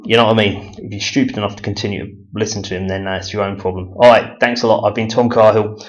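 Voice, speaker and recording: Low-voiced man, rambling. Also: fairly even intonation, fast. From Medway, Kent, England. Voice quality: chatty and mocking, chuckles often, lots of ums and restarts. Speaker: video blogger. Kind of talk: casual rambling monologue to camera. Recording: dull lo-fi home recording.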